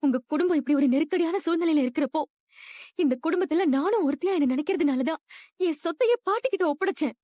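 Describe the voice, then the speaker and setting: A woman's voice: very high voice, expressive, fast talker, warm tone, dry recording, clean studio sound. A woman playing a rich young woman who is obsessively in love, with a clingy, pleading and insistent manner in a dubbed drama.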